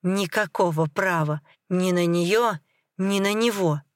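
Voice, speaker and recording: Woman doing an enraged young mom in an audiobook, bitter, loud, accusing. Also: fairly low pitch, slow pace, no echo, clean studio sound. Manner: accusing, shouting. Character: young mother, furious, bitter, hurt.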